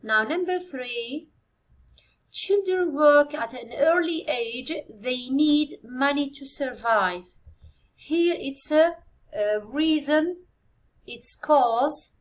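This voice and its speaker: An Algerian woman teaching an English exam review, speaking slowly and deliberately, repeating key words and switching into Arabic to explain. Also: high-pitched, poor audio. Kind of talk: classroom exam review lesson.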